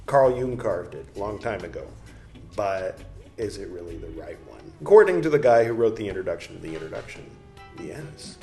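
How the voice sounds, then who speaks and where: In an echoey room with faint music playing, a man with a low, sing-song, somewhat mellow voice reads from a book at a moderate pace. Between passages he rambles and throws in jokey commentary of his own.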